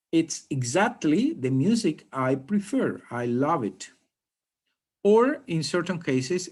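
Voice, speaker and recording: A male English teacher walks through a grammar lesson in a slow, measured way. His pitch rises and falls widely as he stresses words, and he often pauses to check in before moving on.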